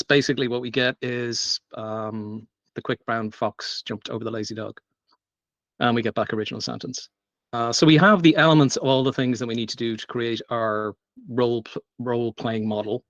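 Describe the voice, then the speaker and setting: A man's voice: medium pitch, normal speed, no room sound. A man giving an unscripted technical meetup presentation, talking loosely with many ums and restarts. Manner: loose, filler-heavy delivery with frequent ums and restarts. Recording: dull lo-fi sound.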